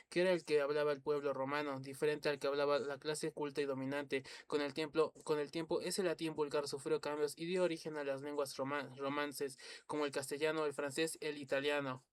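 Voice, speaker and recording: A man's voice: a little high, clean tone. A man reading an encyclopedia lesson aloud, stumbling and restarting words, with dry asides. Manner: halting, stumbles and restarts words, spells out letters, drops asides. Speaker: reader of an encyclopedia.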